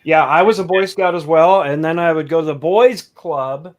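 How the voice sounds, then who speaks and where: Chatty male podcast host, higher voice. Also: normal speed. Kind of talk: casual interview chat.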